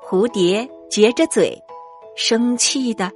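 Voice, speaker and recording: A woman's voice: on the high side, slow. A woman narrating a scripted story for young children as a storyteller. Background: music.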